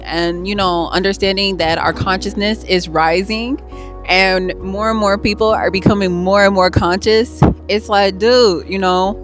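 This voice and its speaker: A woman from the Philippines talks earnestly and somewhat ramblingly about her inner life, stopped on a city street. Her pitch is mid-range, and music plays faintly behind her. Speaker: passer-by interviewee.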